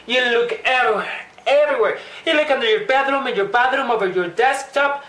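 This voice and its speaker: Animated young woman vlogging in an echoey room. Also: high voice, brisk. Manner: animated, exaggerated, joking. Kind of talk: comedic vlog monologue.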